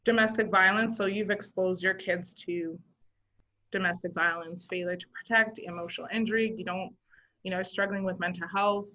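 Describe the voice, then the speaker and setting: A Zimbabwean woman in her thirties, appearing as a guest and working as a social worker, speaks earnestly in a casual interview, thinking aloud with lots of fillers. Her voice is fairly low with a sharp tone, and the recording sounds dull and lo-fi.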